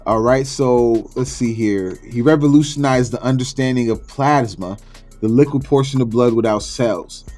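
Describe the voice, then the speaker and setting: A man's voice: mid-range voice, moderate pace, a little mellow, faint music behind. A man from Florida hosting a casual podcast chat, laid-back and slangy, going down a list with plenty of fillers. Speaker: podcast host.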